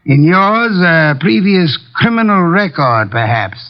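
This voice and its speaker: An actor playing a pompous, testy, brilliant private detective in an old radio drama, speaking in precise, wordy, disdainful phrases. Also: male voice, on the high side, very animated, measured pace. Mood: measured, superior. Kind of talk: 1940s-50s radio drama acting. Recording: muffled vintage radio broadcast.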